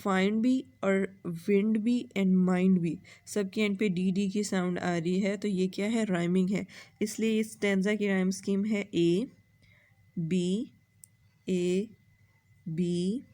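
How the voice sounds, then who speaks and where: Lady teacher going over rhyme schemes, slow and drawn out, soft dark voice, quizzes the class then answers herself. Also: mid-range voice, steady tone. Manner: mixes Hindi and English, asks the class questions and answers them herself; drawls out the English words slowly. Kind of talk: lecture explaining a poem's rhyme scheme.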